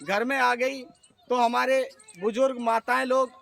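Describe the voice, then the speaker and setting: A man addresses a meeting in an earnest public speech, with his voice sitting unusually high. He tells his points through plain, folksy stories to the audience. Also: steady tone, measured pace, gravelly, a bit bright. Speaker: speaker at an organization's review meeting.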